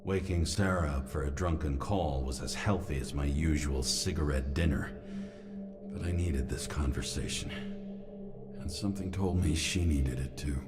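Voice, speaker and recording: A man's voice: rumbling low, normal speed. An actor playing a cynical, world-weary male detective narrating his own thoughts. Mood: brooding. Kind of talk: inner-monologue narration. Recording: loud music under the voice. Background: loud music.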